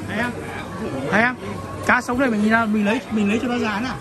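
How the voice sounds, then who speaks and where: Filming on a handheld phone, a vlogger walks through a busy indoor buffet restaurant, chatting casually and slipping English phrases into her commentary. She talks fast in a fairly high voice with fairly even intonation, while loud crowd noise fills the background.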